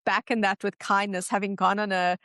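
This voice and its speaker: A woman's voice: medium pitch, little pitch movement, brisk, fairly bright tone, dry recording. Reflective woman podcast co-host, dry sound. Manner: reflective, personal storytelling. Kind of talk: casual chat.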